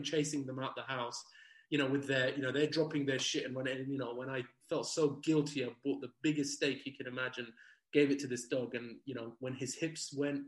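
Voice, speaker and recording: A man telling a story as a guest, animated, acting out his own past lines and swearing casually. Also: mid-range voice. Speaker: guest, dog trainer. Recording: roomy echo.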